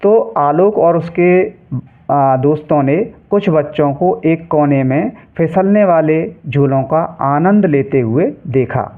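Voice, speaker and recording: A man with a somewhat high voice gives an English reading lesson. He takes it very slowly, reading each English phrase word by word before explaining it in Hindi. The sound is thin and tinny, like a phone line. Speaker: English teacher.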